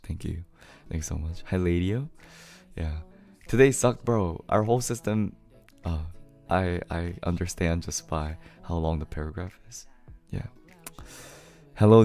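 A young man from Korea hosts a relaxed live stream, greeting viewers by name and laughing easily. His voice sits very low and sounds hoarse from singing too loud. A song plays faintly in the background. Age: 20s. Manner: laid-back, greets viewers one by one, laughs often. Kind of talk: casual live stream chat, reading viewer messages aloud. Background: his favorite song playing softly.

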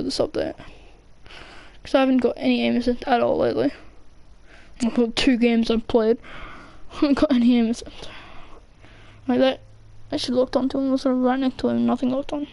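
A woman's voice: a little high, fairly even intonation, moderate pace, gravelly, pauses often, warm tone, dry recording. A young woman chatting casually and swearing freely while she plays a game, mocking her own skill. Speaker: gamer. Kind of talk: casual gameplay commentary.

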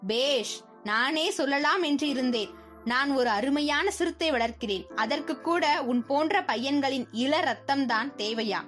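Taunting scheming circus boss guy, mocking, high voice, a woman reading him out. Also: a little slow, a bit bright, soft background music. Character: scheming sneering middle-aged male circus owner.

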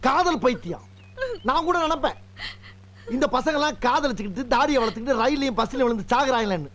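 An actor playing a brash, lovesick village rogue in a film comedy, ranting loudly and boastfully. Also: male voice, very high voice, full character voice. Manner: loud, boastful, rambling comic rants. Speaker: comic lead in a film comedy scene.

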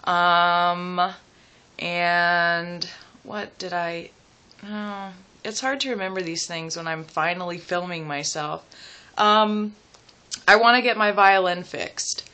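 A young adult woman chatting casually and personally to the camera at home, hesitant and reflective, pausing as she thinks aloud. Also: fairly low pitch, pushed and bright, smooth. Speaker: vlogger. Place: small room at home, seated indoors.

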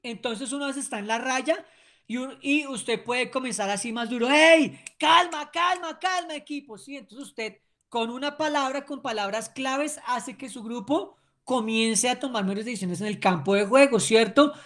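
A woman's voice: fairly high pitch, normal speed. A woman lecturing a sports training class, emphatic and often checking in with her listeners.

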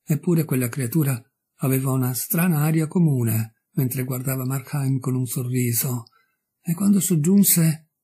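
A man reads a literary tale aloud with measured, expressive pacing. His voice is mellow and dark with a husky grain. He narrates like a dedicated audiobook reader. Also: mid-range voice. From Italy. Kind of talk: dramatic literary reading.

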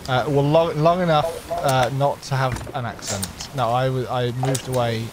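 A man's voice: medium pitch, steady tone, moderate pace, noisy background. A man from Wales hosting a game stream, joking and teasing his co-player and viewers in a playful, self-mocking way. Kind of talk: casual gaming stream chat.

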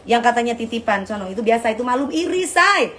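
A woman's voice: a little high, animated, quick pace, fairly bright tone. A middle-aged woman hosting a casual live stream, brash and trash-talking, calling her viewers darling. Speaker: live-stream host selling bags.

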